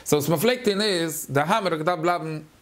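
Man, Yiddish accent, high voice, Talmud class lecture, halting speech, repeats words. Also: noisy background. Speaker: rabbi teaching Talmud.

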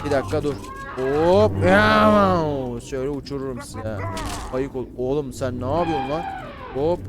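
A man giving casual, excitable commentary on a battle game, swearing and shouting at the units he controls. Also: medium pitch, a little slow, crowd noise. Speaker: gaming YouTuber. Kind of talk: casual Let's Play commentary.

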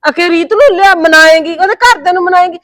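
A woman's voice: extremely high pitch, quick pace, fairly bright tone, no room sound. A woman playing a feisty mother, Palo. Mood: indignant. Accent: Punjabi. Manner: quarrelsome, snapping back. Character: feisty older mother Palo, sharp-tongued. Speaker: mother of Reet. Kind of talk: Punjabi short-film acting.

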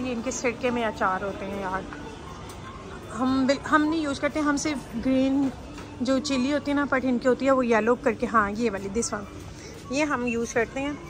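Brief: a talkative woman, fairly high-pitched, phone-filmed grocery vlog with music underneath. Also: fairly even intonation, normal speed. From Pakistan. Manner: chatty, exclaims at prices and food. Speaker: vlogger. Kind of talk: casual shopping vlog chat. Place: large indoor supermarket. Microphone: handheld phone camera. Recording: background music laid over.

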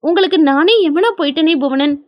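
A woman's voice: sits high, brisk, dry recording, dull audio, lightly acted. Woman voicing a frantic tearful young wife. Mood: pleading. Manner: trembling, frantic and pleading.

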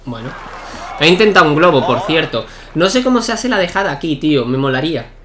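Excitable gamer with a light voice. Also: male voice, a little high, fairly quick, a little hiss or hum. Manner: excitable, shouts at key points. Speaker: gaming YouTuber. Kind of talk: live gameplay commentary.

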